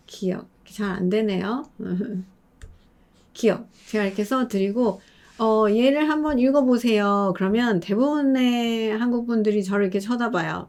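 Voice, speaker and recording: A woman's voice: mid-range voice, a little mellow. A woman teaching pronunciation in a patient, explanatory way, repeating short sounds to show the difference. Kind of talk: explanatory lesson.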